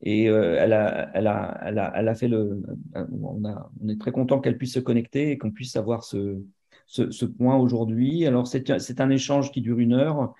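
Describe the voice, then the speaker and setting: A man introducing a seminar speaker, halting, with many repeated words and fillers, over a video call. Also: mid-range voice, fairly even intonation, dark tone. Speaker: seminar host. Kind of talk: hesitant spoken introduction.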